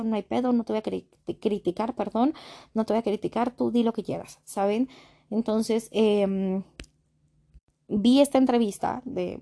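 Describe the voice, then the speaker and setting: A woman's voice: mid-range voice, dark tone. A young woman with a Mexican accent talking candidly as a podcast host, blunt and slangy, with frequent restarts. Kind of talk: casual monologue.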